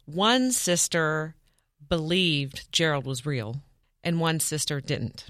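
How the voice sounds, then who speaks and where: A woman's voice: sits low, slow pace, fairly bright tone, dry recording. Woman recounting a family story, dry sound. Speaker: interview guest. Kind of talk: telling a personal story.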